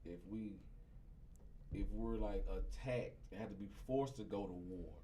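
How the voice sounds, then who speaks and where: A man's voice: fairly low pitch, measured pace, mellow, a little hiss or hum. A man in a casual podcast chat, musing in trailing, hesitant runs.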